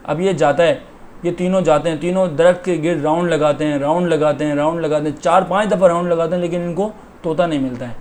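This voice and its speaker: A man's voice: on the high side, steady tone, quick pace, darkish tone, slight background noise. A man narrating a fable in a loose, conversational and repetitive way. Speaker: storyteller. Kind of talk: casual spoken storytelling.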